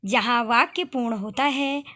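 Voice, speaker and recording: A woman with a somewhat high voice reads through a grammar lesson. She lingers on each example, spacing out the words so students can follow. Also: pushed and bright. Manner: slow, deliberate reading of examples. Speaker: teacher.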